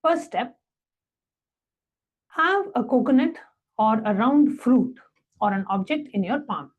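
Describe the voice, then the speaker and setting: A woman presenting a devotional satsang, reading a story aloud and then giving step-by-step guided instructions in a measured, reverent way. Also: fairly high pitch, lo-fi sound.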